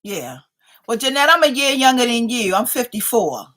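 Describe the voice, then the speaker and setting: A woman in her fifties hosts a casual livestream in a bright, forceful, fairly high voice, very animated at a moderate pace. She chats playfully, reads comments aloud, and constantly refers to viewers as "y'all."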